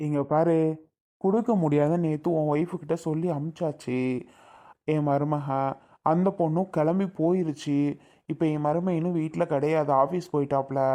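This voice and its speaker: A woman's voice: sits low, warm tone, lightly acted. A woman playing a stern, irritable older father who scolds and shoos people away in a family drama skit.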